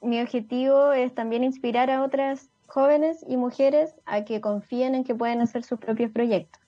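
Young woman talking earnestly on the radio, fairly high voice, kinda dull sound. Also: fairly even intonation, normal speed. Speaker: startup CEO, guest. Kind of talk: radio interview answers.

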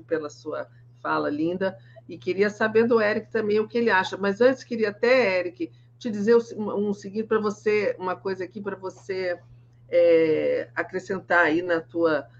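A woman's voice: on the low side, muffled recording. A woman hosting an online panel discussion, framing her questions hesitantly with many restarts. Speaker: host. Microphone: video call.

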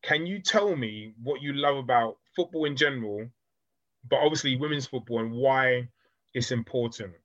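A man hosting a football podcast, talking quickly and leaning on "obviously" as he asks questions, on a dull, dry recording. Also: mid-range voice, fairly bright tone, dry recording. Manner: fast, leans on "obviously". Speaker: podcast host. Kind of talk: podcast interview.

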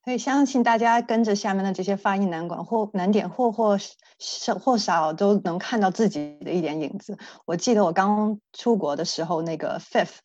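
A woman's voice: mid-range voice, normal speed, hardly any pauses, darkish tone, dry recording. A woman speech therapist, a native Chinese speaker, giving an earnest, explanatory online lecture with frequent hesitations. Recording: dull, dry lo-fi sound.

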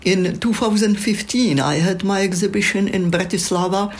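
An older Czech-accented woman, a photographer, delivers a prepared reflection slowly and thoughtfully in a measured manner. Her voice is medium in pitch.

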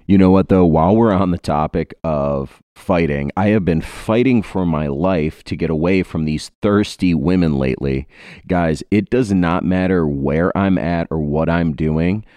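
A man's voice: deep voice, a little slow, mellow, dry recording, studio quality. A man in his twenties from Ohio, hosting a podcast in a rambling, joking way with many fillers. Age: 20s. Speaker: podcast host. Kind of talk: casual podcast chat.

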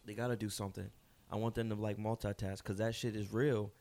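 A man's voice: lowish voice, flat delivery, brisk, warm tone. A man in his twenties co-hosting a podcast, talking loosely and laughing often in casual chat. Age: 20s. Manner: laid-back, laughs often, slangy. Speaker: podcast co-host.

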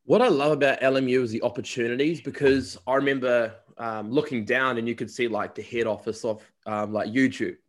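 A man's voice: mid-range voice, steady tone, a little fast, hardly any pauses. A man from New Zealand with a New Zealand accent, a college recruiter interviewing a guest in a casual, chatty way. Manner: chatty storyteller.

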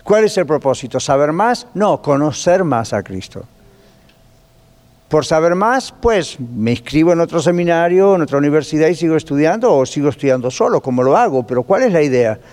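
A man teaching a Bible class as pastor, lively and conversational, putting rhetorical questions to his listeners. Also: fairly high pitch, moderate pace. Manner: lively, asks the class rhetorical questions, drops in English phrases. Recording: long reverb of a church hall.

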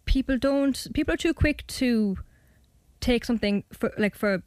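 A young Irish woman in her twenties, a student documentary maker, chats casually as a radio guest and also narrates her own documentary. Her voice is fairly high with a darkish tone at normal speed, in a dry recording. She's chatty and hedges with fillers.

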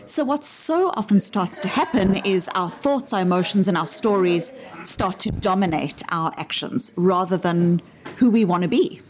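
Low-voiced South African woman explaining. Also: animated. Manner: measured, articulate, uses everyday examples. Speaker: interview guest explaining her framework. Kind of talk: explanatory interview answers.

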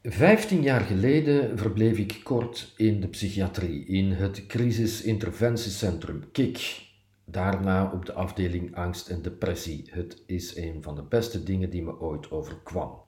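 A man's voice: sits low, a little slow, a little mellow, roomy sound. A man reading his personal column aloud, with a dry, self-mocking irony.

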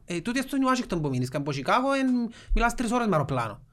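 Cypriot Greek man, casual co-host, lively pitch swings, rambling anecdotes with fillers. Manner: animated storyteller with many fillers. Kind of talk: casual chat, storytelling.

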